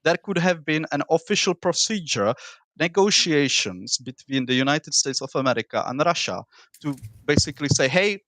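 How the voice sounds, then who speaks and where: A man who is not a native English speaker, with a foreign accent and rolled r's, argues in an informal political debate, often halting and repeating words. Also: a little high, animated, fairly bright tone, no echo. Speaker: debate participant.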